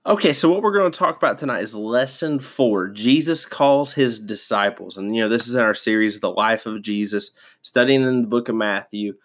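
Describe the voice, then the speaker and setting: Congested with a sinus infection, a male devotional podcast host talks in a mid-range voice at normal speed, hardly pausing. His style is casual, full of fillers and restarts.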